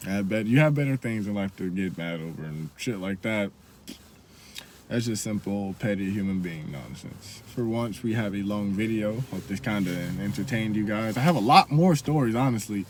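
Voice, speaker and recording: A man's voice: lowish voice, moderate pace, darkish tone, a little hiss or hum. Laid-back young man telling a story. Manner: blunt, profane, laid-back retelling. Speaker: storyteller vlogger. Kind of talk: casual story time.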